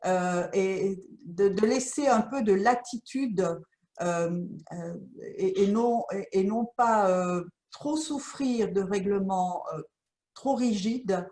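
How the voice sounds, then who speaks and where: A woman moderating an online meeting, handing the floor briskly and encouraging others to speak. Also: medium pitch, darkish tone. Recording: echoey room sound.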